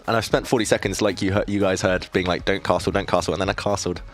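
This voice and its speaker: A man with a very low voice chats casually through a live chess stream, mocking his own mistakes and answering viewers. Faint music plays quietly underneath. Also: fairly even intonation, fast talker. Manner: self-deprecating, chatty, reads chat questions aloud.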